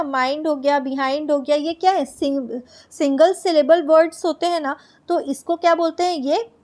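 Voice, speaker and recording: This exam-prep teacher speaks in Hindi with a high voice and a darkish tone. She reads out English definitions at a slow pace and asks herself questions that she goes on to answer.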